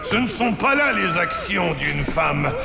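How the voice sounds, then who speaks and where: An actor playing a menacing, fanatical cult preacher in a video game, with a gravelly, commanding, sermonizing delivery. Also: male voice, high voice, sing-song, measured pace, exaggerated voice. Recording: echoey hall, loud music over it.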